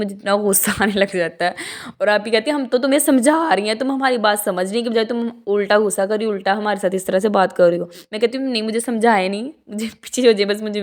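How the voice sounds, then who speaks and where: A young woman from Pakistan talks through a vlog voice-over at a middling pitch, rambling with restarts and asides as she tells a home story. She sounds worn out from talking so long. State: tired from talking. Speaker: vlogger.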